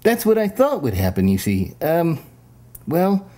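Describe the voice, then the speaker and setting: A woman's voice: on the low side, big pitch swings, measured pace, mellow. A woman voicing a meek, skeptical sock puppet creature in a comic puppet show, speaking in a hesitant, prim, questioning way.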